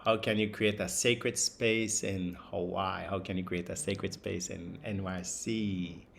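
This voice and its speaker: Slow-speaking man leading a study group. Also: sits low, steady tone, gravelly, slight background noise. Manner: slow, laughs often, keeps asking the group questions. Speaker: meditation and scripture teacher.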